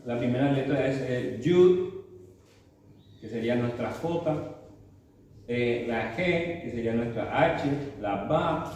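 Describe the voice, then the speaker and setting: Slow-speaking man teaching in an echoey church hall. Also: mid-range voice, animated, darkish tone. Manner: slow, explanatory, often adds tag questions. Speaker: Bible teacher. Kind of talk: church Bible class. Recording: distant mic in very echoey hall, faint room noise.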